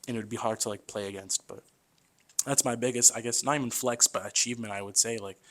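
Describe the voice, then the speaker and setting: A young man in his twenties, a podcast guest in a relaxed, casual conversation. He is chatty and loose, often calling the host "man". He tells his stories with some life, acting out the voices of the people in them. His voice sits at a middle pitch. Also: fast talker. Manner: lively storyteller who acts out quoted voices.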